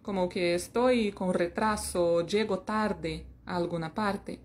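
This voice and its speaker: A woman's voice: fairly low pitch, slow pace. A woman from teaching an English lesson in Spanish, playful and joking about herself. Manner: playful, sings snatches of songs and jokes about herself.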